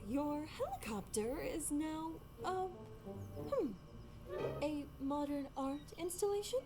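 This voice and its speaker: High-voiced, gentle mother rabbit. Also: big pitch swings, slow pace, full character voice. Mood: gentle, polite. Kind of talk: cartoon audio drama acting. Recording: music behind the voice.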